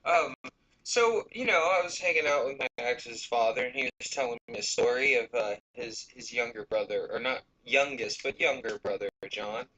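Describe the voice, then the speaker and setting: A man's voice: mid-range voice, animated, normal speed, bright, forceful tone, rough recording. A man telling stories in casual chat, in a rambling, crude, slangy stoner manner. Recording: noticeable background noise.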